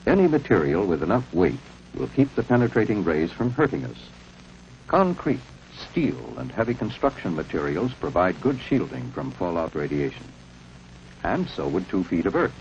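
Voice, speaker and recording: An American man narrating a scripted 1950s civil defense film in a measured, authoritative, instructional manner. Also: low voice, big pitch swings, darkish tone. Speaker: documentary narrator. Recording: muffled, noisy vintage film soundtrack.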